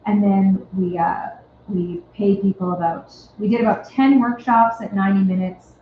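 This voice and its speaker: A woman's voice: medium pitch, fairly even intonation, moderate pace, slight background noise. Chatty woman presenting, echoey and tinny. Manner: chatty and wry, with frequent ums and likes. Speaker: festival board member presenting at an annual meeting. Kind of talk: casual presentation to an audience. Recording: echoey, phone-like tinny sound.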